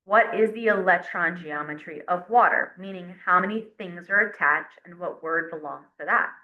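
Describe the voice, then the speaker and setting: A woman's voice: fairly low pitch, normal speed. A woman teaching a chemistry class, explaining step by step in a casual classroom lecture and sometimes counting aloud at the board. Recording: roomy, dull lo-fi classroom recording.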